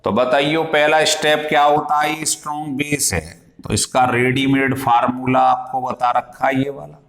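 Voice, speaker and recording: A man's voice: mid-range voice, fairly even intonation, moderate pace, a bit bright. A male chemistry teacher lecturing in a classroom style, explaining step by step and asking his students questions as he goes. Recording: echoey room.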